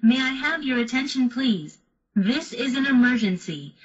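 A woman making an emergency announcement over the intercom, slowly and deliberately repeating the key details. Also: high voice, expressive. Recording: dull lo-fi recording from a distance.

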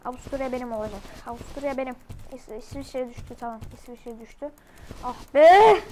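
A woman giving casual commentary while playing a strategy game, excitable and quick to burst into loud, crude outbursts. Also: a little high, slight background noise, poor audio.

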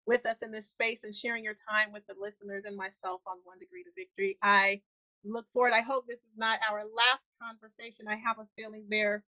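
A woman's voice: mid-range voice, level tone, a little fast, bright, forceful tone, no room sound, low-quality recording. A woman hosting a podcast interview, agreeing readily and laughing often. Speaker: podcast host. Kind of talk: casual interview chat.

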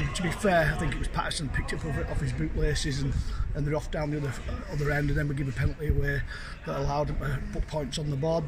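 A man, a rugby league coach giving a post-match interview outdoors at a stadium into a handheld mic, talking fast and rambling with frequent restarts. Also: on the high side, rough recording. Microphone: handheld mic held by the interviewer. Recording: loud outdoor stadium noise.

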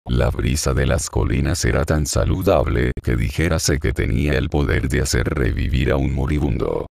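A man reads a novel aloud as an audiobook narrator, in a measured and even manner. His voice is extremely deep and thick with gravelly fry. The sound is close and dry. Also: dry recording. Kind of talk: scripted narration.

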